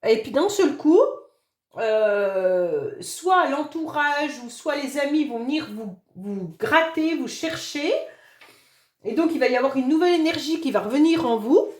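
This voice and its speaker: Hoarse high-voiced woman reading tarot. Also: expressive, unhurried, reverberant. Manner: gentle, reassuring, fond of "d'accord?" and "hein". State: hoarse voice after illness, occasional cough. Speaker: tarot reader. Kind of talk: monthly astrology reading for a sign.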